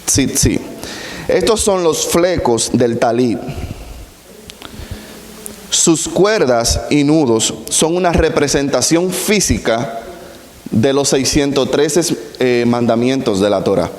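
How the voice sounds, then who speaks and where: A man preaching a sermon, explaining scripture slowly and deliberately with rhetorical questions. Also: mid-range voice, animated, darkish tone, slight background noise. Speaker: pastor. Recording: roomy echo with long hall reverb.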